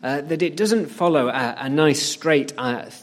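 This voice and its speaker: A man preaching in a church hall, telling a vivid story with frequent "uh" fillers. His voice carries a long reverb from the room. He slows down to stress key words. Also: fairly high pitch. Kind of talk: sermon.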